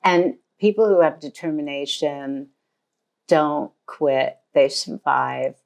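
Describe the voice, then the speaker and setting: An older woman from the United States, hosting a casual interview, complimentary and thinking aloud with pauses. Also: deep voice, steady tone, gravelly, a little mellow. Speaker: podcast host, fashion designer.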